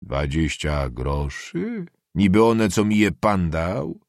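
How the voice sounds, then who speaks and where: A man playing a gruff, stubborn old peasant carter who speaks in a slow, sceptical drawl, in an audiobook reading. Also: lowish voice, sing-song, no echo, studio quality, heavily acted.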